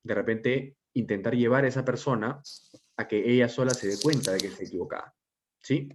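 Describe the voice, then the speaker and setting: A man teacher giving an online class lecture, explaining step by step and often checking in with a quick question. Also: mid-range voice. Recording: dull lo-fi audio.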